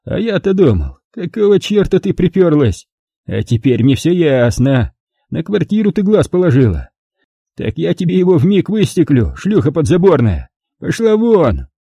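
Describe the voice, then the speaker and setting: A man voicing a spiteful, coarse middle-aged alcoholic brother in a slow drunken drawl. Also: a little high, very animated, mellow, breathy edge, dry recording, dull audio, full character voice.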